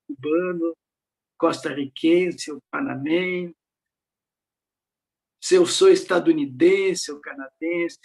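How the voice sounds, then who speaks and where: An older man speaking as an invited lecturer over slides on a video call, reflective and fond of rhetorical questions. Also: sits high. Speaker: invited speaker at a research network meeting. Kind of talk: academic talk over slides.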